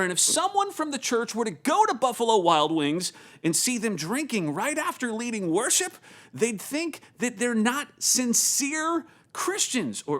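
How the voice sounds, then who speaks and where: A man's voice: very high voice, a bit bright, voice pushed up, heavily acted. A man voicing a fretful scolding church elder. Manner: earnest, scolding. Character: worried, disapproving male church elder.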